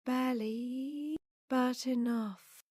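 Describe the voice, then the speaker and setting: A woman reading a quiet, terse young man. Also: sits high, fairly even intonation, very slow, no room sound, studio quality, full character voice. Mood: tense. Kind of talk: storybook narration.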